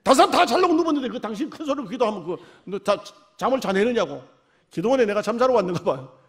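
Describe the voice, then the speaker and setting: Male pastor, revival sermon, high voice, lively swings from shouting to hushed tones, slight cold. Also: quick pace. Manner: animated storyteller, acts out voices, swings from shouts to near whispers. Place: church.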